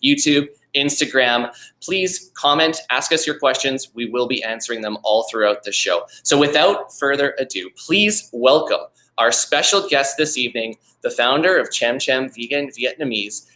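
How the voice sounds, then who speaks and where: A Canadian man hosts an interview podcast with an upbeat, friendly manner. His voice is bright and forward. He often repeats words while working out his questions. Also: mid-range voice, expressive, measured pace, few pauses. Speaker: podcast host. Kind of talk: hosting an interview.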